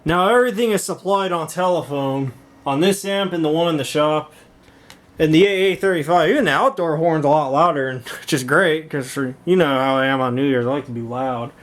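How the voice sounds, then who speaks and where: This video host talks a little fast in a voice on the high side, rambling through an informal demonstration of home rooms and a workshop in choppy, stop-start phrases. Room noise and clicks are clearly present in the audio.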